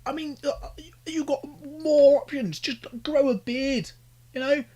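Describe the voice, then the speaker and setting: A man's voice: extremely high pitch, fairly even intonation, slow pace, mellow. A young British man giving exasperated, ranting reaction commentary, pleading with the people on screen. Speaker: commentary YouTuber.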